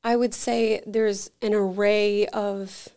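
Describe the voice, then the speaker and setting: Her mid-range voice is clear and resonant, and she takes her time as she tells animated stories on a podcast. She runs an energy healing center and talks casually and chattily, saying "like" a lot.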